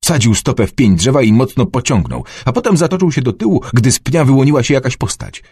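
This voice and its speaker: A man narrating an adventure novel in a dramatic, expressive storytelling manner. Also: medium pitch, fast, husky, dry recording, studio quality. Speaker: audiobook narrator.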